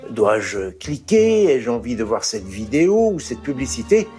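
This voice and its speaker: A man's voice: mid-range voice, big pitch swings, unhurried, warm tone, soft background music. A man reading a scripted explanatory voice-over.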